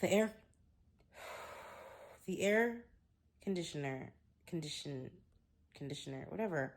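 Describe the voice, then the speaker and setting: A woman's voice: low voice, expressive, slow pace. A young woman venting in a casual vlog, frazzled, trailing off and restarting as she talks to her camera. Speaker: vlogger.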